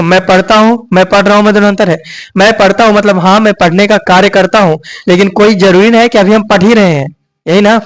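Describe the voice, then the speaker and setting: A coaching teacher explains grammar in a high, light male voice with a lilt. He keeps tossing questions at his students and answering them himself, and peppers almost every point with a quick check for understanding. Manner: repeats "ठीक है" and "यही ना" often, checking students understand. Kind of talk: grammar lesson.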